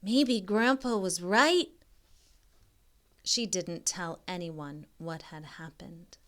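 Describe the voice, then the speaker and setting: With a fairly low pitch, a woman acting as a tutor reads a picture book aloud to small children. Her delivery is expressive, broken by pauses where she asks questions to draw the listener in.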